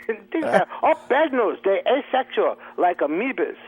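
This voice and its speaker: A man's voice: sits high, very animated, unhurried, slight background noise. A man hosting a talk radio show, riffing sarcastically in a comic monologue and laughing at his own jokes. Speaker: radio host. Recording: tinny phone-like radio audio.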